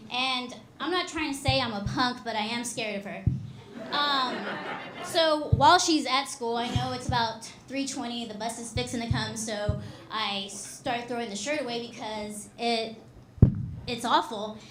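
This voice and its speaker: A woman in her thirties works through a stand-up set with a dry, self-deprecating delivery. Her voice sits high for a woman. It rings out through an echoey live room. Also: a little slow, background noise. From Texas. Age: 30s. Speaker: stand-up comedian.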